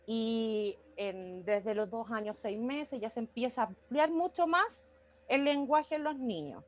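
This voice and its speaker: A woman's voice: a little high, expressive, measured pace. A woman, a student summarizing her section of a class presentation over a video call, hesitant and full of fillers. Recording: muffled video call audio.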